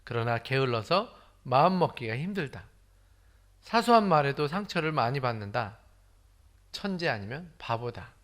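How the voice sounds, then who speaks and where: A man's voice: mid-range voice, sing-song, moderate pace, a bit bright. A middle-aged man from Incheon preaching a sermon as pastor, telling humorous stories and acting out the voices and dialects of the people he quotes. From Incheon, South Korea.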